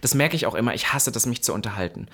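Male podcast co-host, mid-pitched, rapid, reactive and blunt. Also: animated, fairly bright tone, breathy edge. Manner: reactive, blunt, eager questions. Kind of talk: casual chat.

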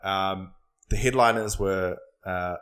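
A man with a fairly low voice chatting casually. He swears a lot and lets his sentences trail off as he tells a story. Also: takes it slowly, fairly bright tone, smooth. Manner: loose, swears often, trails off mid-sentence. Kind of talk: casual chat.

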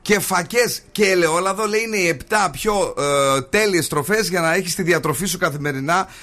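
A man's voice: high-pitched, sharp tone. A Greek man hosting a morning radio show, playful and teasing, trading banter with his co-hosts. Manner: playful, teasing, retells stories with voices. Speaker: radio host.

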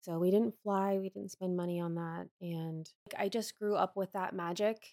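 A woman's voice: on the low side, steady tone, normal speed, darkish tone, no echo, studio quality. A young woman from Pennsylvania, a podcast co-host, chatting reflectively and rambling a little with fillers. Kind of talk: casual personal chat.

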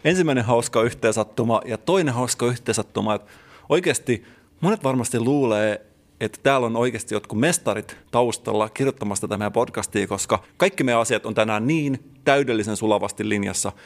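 A man co-hosting a comedy podcast, riffing in a mock-serious, teacherly way. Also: medium pitch. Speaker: podcast co-host. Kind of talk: casual comedic podcast chat.

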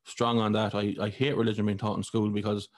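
A man's voice: fairly low pitch, little pitch movement, brisk. An Irish man in his forties hosting a podcast, talking bluntly and heatedly and swearing freely. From Ireland. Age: 40s. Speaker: podcast host. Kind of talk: casual conversation.

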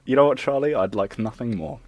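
A man's voice: mid-range voice, brisk, a little mellow. A man co-hosting a casual chat podcast, playful and laughing often as he tells stories. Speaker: podcast co-host.

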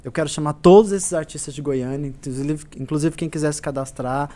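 Guy from goias on a podcast, kinda high voice, earnest and repeats himself a lot. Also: fairly even intonation, a little fast, mellow. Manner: earnest, repetitive storytelling. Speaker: musician guest. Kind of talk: casual podcast conversation.

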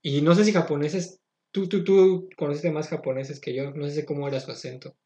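A young Mexican man chats casually, cracking jokes and asking questions. His voice sits slightly high. The room gives his voice a roomy echo. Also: steady tone, fairly quick, warm tone. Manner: joking, asks questions. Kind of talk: casual chat. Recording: echoey room.

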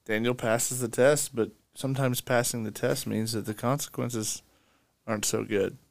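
A man co-hosting a podcast, reading scripture passages aloud and then pausing to comment on them in a casual, restarting way. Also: mid-range voice, fairly even intonation, gravelly, no room sound. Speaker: podcast co-host. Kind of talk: casual Bible study discussion.

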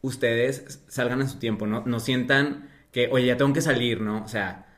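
A young man with a Mexican accent and a very bright, forward voice. He talks casually and expressively, dropping slang and acting out bits of dialogue as he tells his stories. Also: mid-range voice, steady tone, normal speed. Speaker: podcast guest. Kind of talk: casual chat, animated storytelling.

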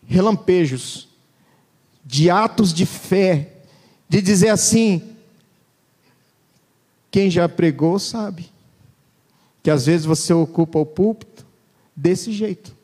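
A man preaching a sermon in a church, turning from loud emphasis to hushed, low words as he reads scripture. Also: slow, long pauses, husky. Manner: dramatic, swings between loud and hushed low voice. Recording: long church reverb.

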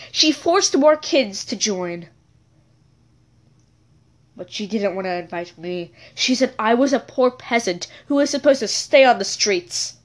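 A woman telling a childhood story in a casual, rambling episode, correcting herself and adding chatty asides. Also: on the high side.

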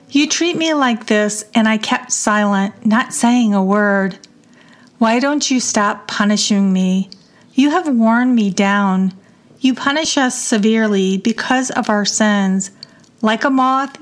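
Woman reading scripture real slow and steady, devotional bible reading. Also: mid-range voice. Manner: slow, measured reading aloud. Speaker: scripture reader.

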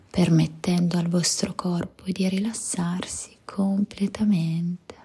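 Very breathy woman whispering a slow guided meditation. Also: on the low side. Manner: soft, soothing spa-like whisper.

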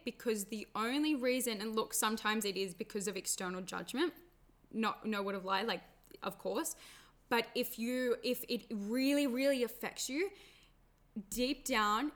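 A woman's voice: fairly high pitch, fairly bright tone. A young woman talking casually as a coach, chatty and full of fillers, acting out inner voices. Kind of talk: casual motivational talk.

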